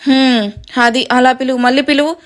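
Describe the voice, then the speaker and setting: A woman reading the lines of a sly, touchy young man with a gruff manner. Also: high-pitched, little pitch movement, normal speed, natural voice.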